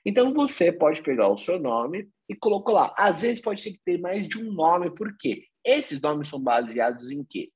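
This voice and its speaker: A man presenting an online Chinese lesson, addressing the viewers directly and spelling things out slowly. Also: fairly high pitch, very animated, husky.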